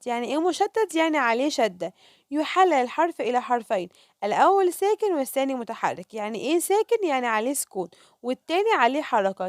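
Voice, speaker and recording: Woman, Egyptian Arabic accent, high-pitched, children's reading teacher, asks and answers her own questions, dry close sound. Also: no room sound. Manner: stretches example words out slowly, syllable by syllable.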